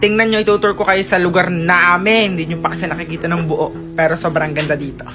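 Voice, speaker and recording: A man's voice: high-pitched, flat delivery, fast talker, music in the background. A man with a Southern Tagalog accent vlogging casually to camera and to a child in a playful, teasing, exclamatory way.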